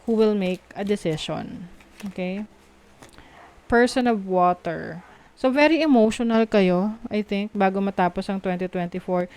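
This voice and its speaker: A woman from the Philippines giving a tarot reading, slow and reassuring, mixing Tagalog and English and checking in with her listeners. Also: mid-range voice, a little mellow, clean tone. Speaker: tarot reader.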